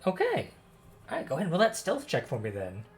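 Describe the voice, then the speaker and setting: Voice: mid-range voice, huge pitch swings, quick pace, faint music behind. A game master running a tabletop game, upbeat and guiding players through their turns.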